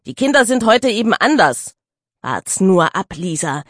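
Woman playing a loud, sulky teenage boy. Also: medium pitch, very animated, unhurried, no room sound, clean studio sound. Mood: angry. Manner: loud, angry, grumbling. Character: sulky teenage boy, hot-tempered and indignant.

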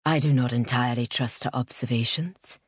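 A woman voicing a stern, controlling older father in a low, firm, measured voice in an audiobook reading. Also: slightly rough, dry recording, clean studio sound. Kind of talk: audiobook narration.

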